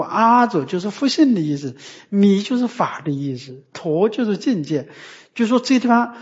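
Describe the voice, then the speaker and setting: A man giving a Buddhist dharma talk, didactic and emphatic, often ending points with a tag question. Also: high-pitched. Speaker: Buddhist teacher. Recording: muffled lo-fi recording.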